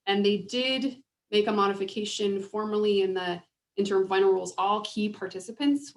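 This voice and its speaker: Woman on a video call, gravelly. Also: medium pitch. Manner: measured, with frequent ums and restarts. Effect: heard over a video call. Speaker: state agriculture program staff. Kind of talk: presenting a program update at a board meeting. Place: remote, joining a video conference.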